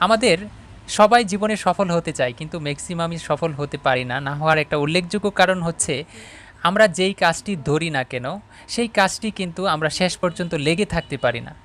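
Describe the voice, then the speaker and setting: Bangladeshi man teaching English slowly. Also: on the high side, animated, a bit bright, a little hiss or hum. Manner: reads English aloud very slowly, word by word; talks to viewers as students, often asking "all right?". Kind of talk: online video English lesson.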